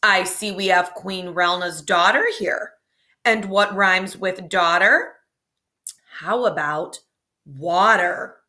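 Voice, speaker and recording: A woman voicing a showy little male carnival showman who calls out in a booming, theatrical way. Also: takes it slowly, sharp tone.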